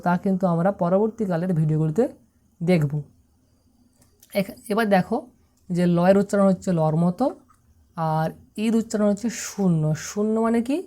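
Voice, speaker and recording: Mellow-voiced woman teaching pronunciation. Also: on the low side. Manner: patient, step-by-step, often asks "see?". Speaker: English teacher. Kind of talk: explaining pronunciation to students.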